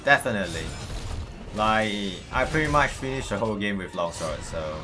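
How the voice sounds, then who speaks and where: Hosting a gaming livestream over background music, a man with a Malaysian accent chats casually at normal speed. His voice leans low with lively intonation, and he often hesitates and says things twice.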